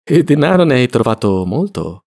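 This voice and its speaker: A man's voice: medium pitch, big pitch swings, moderate pace, a little mellow. A man voicing a chatty, giggly young peasant housemaid who teases bluntly in a homely way. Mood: teasing.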